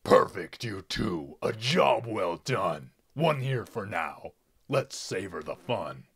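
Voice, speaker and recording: Brief: man putting on a bossy fat pig boss, deep roaring boar voice, loud and gravelly, storybook villain. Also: sing-song, slow pace, exaggerated voice. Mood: gloating, commanding. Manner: bossy, commanding, gleeful. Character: gloating greedy fat pig lord, booming.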